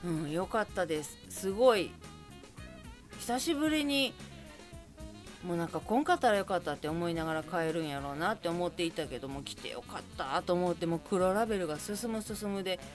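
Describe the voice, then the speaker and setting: A woman's voice: fairly low pitch, brisk, soft background music. A woman with a Kansai accent, chatting alone as podcast host and telling a story with laughs along the way. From Kansai region of Japan. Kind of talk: casual solo monologue.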